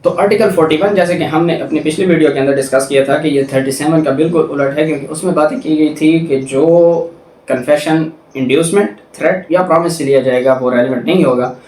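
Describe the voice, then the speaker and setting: A man with a Pakistani accent delivers an explanatory law lecture, switching between reading aloud and explaining in a didactic way and repeating points for emphasis. His voice is on the high side, fast, and darkish in tone. The room is echoey and the mic is distant.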